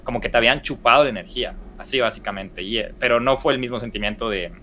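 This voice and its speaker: Speaking quickly at medium pitch with a sharp tone, the young Ecuadorian man tells casual stories as a podcast guest. His Ecuadorian Spanish accent comes through as he rambles with fillers and restarts, over slight background noise.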